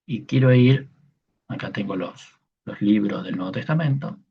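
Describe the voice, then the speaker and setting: A man's voice: fairly low pitch, animated, moderate pace. A man teaching a Koine Greek class, explaining patiently and often checking that his listeners follow. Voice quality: gravelly and husky. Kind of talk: online class lecture. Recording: dull lo-fi sound.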